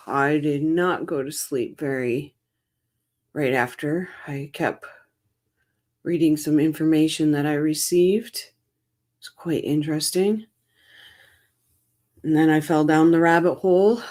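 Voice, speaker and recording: A woman's voice: sits low, takes it slowly, pauses often, darkish tone. A woman hosting a casual livestream, greeting chat viewers by name with a tired morning voice. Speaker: livestream host.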